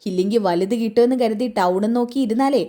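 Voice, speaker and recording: A woman voicing a stern, bitter middle-aged man who gives gruff orders to his companion. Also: on the high side, fast, warm tone, close to an everyday voice.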